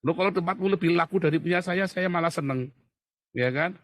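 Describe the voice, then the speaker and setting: Forceful, mocking male livestream ranter. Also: sits high, fairly quick, no echo, clean studio sound. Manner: animated and mocking, often addressing listeners as brothers. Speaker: livestream commentator. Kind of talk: fiery livestream monologue.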